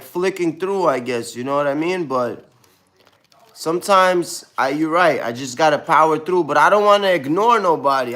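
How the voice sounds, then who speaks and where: A man in his thirties with a Brooklyn, New York accent talks through a casual live stream. His voice sits a little high, and his delivery is loose and rambling, with "bro" dropped into nearly every sentence. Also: a bit bright. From born in Ukraine, raised in Brooklyn, New York. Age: 30s. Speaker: livestreamer answering chat.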